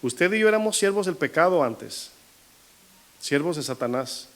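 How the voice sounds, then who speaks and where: A man's voice: fairly high pitch, expressive. Man preaching with rhetorical questions. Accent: Latin American Spanish. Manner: shifting pace, slowing to stress figures. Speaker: pastor. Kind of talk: sermon.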